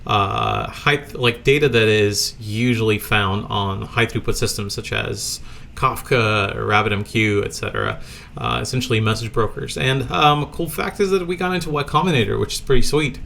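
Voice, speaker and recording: A man's voice: on the low side, moderate pace, vocal fry, pushed and bright, slight background noise. A man from Latvia presenting a recorded conference talk from a home office, speaking casually with many fillers.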